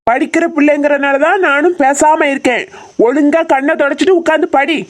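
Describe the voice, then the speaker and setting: A woman's voice: high voice, fairly even intonation, brisk, lightly acted. A woman voicing a stern tuition teacher in a cartoon, scolding and bossy.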